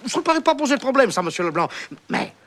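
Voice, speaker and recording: A naive, bumbling comic fool. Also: male voice, very high voice, big pitch swings, quick pace, fairly bright tone, heavily acted. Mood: bluffing. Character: naive, bumbling, cheerful middle-aged man. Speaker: film character. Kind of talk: film comedy acting.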